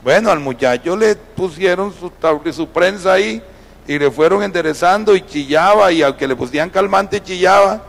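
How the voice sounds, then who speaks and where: A man's voice: high voice, normal speed, vocal fry. A man preaching a sermon as pastor, telling a story and acting out the people in it. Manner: storytelling, acting out quoted voices. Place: church.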